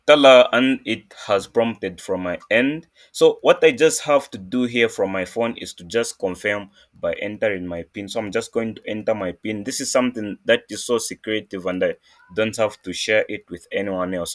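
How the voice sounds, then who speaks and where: A man from Zambia hosting a casual screen-recorded coding tutorial, talking in a halting way with many fillers and restarts. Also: fairly low pitch. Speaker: programming tutorial host.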